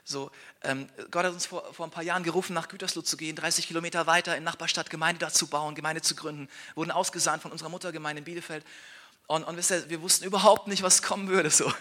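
A man preaching a sermon with a bright, forceful tone and a voice pitched a little high. He talks earnestly and informally, tossing in little tag questions and restarting phrases as he goes. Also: steady tone, fast talker. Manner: restarts and repeated words. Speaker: pastor and church planter.

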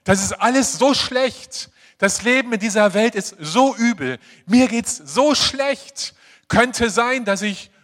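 A male preacher delivering a sermon, acting out quoted voices and swinging between emphatic passages and quiet, confiding asides. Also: very high-pitched, takes it slowly. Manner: animated, acts out quoted voices. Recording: long hall reverb.

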